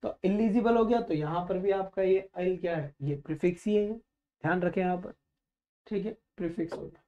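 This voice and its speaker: A male teacher runs a live online vocabulary lesson, firing questions and answering them himself in a steady drilling rhythm. His voice has a mellow, soft-edged warmth. The stream audio sounds dull and lo-fi, with the highs rolled off. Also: fairly quick. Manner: calls students "beta", friendly and instructive.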